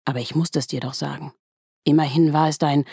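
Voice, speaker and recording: A woman reading a German audiobook, voicing a shy, gentle and eager young man in a soft, slightly awkward way. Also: low-pitched, fairly even intonation, brisk, gravelly, breathy edge, no room sound, clean studio sound, full character voice. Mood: pleading. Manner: soft, warm, a little awkward.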